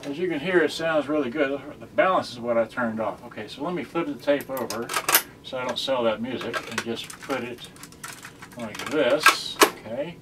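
In a carpeted room indoors, an older man reviews a product casually, rambling as he handles the gear. His mid-range voice runs at a moderate pace in a very noisy recording from a camera a few feet off, with a cassette radio blaring music.

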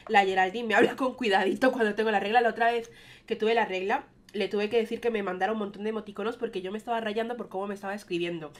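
A woman's voice: medium pitch, fairly even intonation, fast talker. A young woman telling a casual storytime monologue in a chatty, rambling way full of fillers. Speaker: vlogger.

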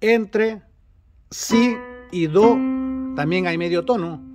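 A man's voice: high-pitched, slow pace. A man giving a patient, repetitive beginner keyboard lesson, counting out intervals step by step. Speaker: keyboard teacher. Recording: instrument music clearly audible behind.

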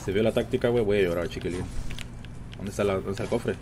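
A man with a Mexican Spanish accent giving casual, chatty commentary while streaming a game, talking to his viewers all the time and jumping into high-pitched exclamations. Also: fast talker, noisy background. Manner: chatty, addresses viewers constantly. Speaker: gaming streamer.

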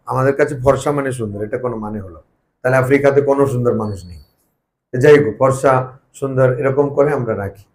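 A man's voice: medium pitch, reverberant, rough recording. A monk giving an informal, humorous spiritual talk to a small group, often asking his listeners questions. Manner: humorous, joking asides. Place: study circle meeting room.

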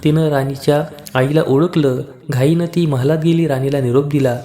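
A man narrating a devotional story in steady, rhythmic short phrases. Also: a little high, moderate pace.

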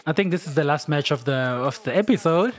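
Lively, excitable man commenting on gameplay. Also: fairly high pitch, fairly quick, soft background music. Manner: excitable, laughs often, shouts at big plays. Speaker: gaming channel host.

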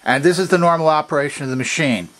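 Talking fast in a fairly high, somewhat bright voice, a man walks through an instructional demonstration of a vintage machine at his indoor workshop bench. He's methodical, precise and explanatory throughout.

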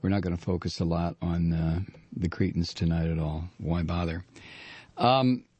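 A man's voice: sits low, normal speed, a little mellow, slightly rough, dry recording, dull audio. Male radio host, mocking and indignant, dry close studio sound. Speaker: radio talk show host. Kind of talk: opinionated political radio monologue.

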